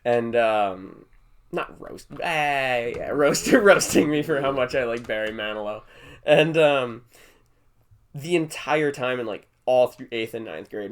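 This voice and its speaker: A man's voice: mid-range voice, unhurried. A young man hosting a casual podcast, rambling through jokey stories and laughing often. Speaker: podcast host. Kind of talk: casual chat.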